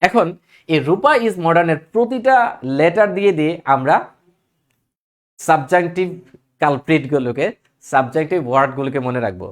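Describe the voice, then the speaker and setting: A man's voice: fairly high pitch, lively intonation, normal speed, long pauses. A man teaching an English grammar lesson, reciting word lists in a rhythmic chant and mixing English phrases into his explanations.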